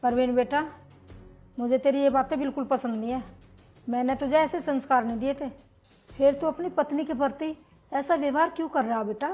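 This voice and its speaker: Woman acting as a middle-aged mother-in-law, high voice, scolding but caring, faint music behind. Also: fairly quick, lightly acted. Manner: scolding, gently reasoning. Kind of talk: family drama short.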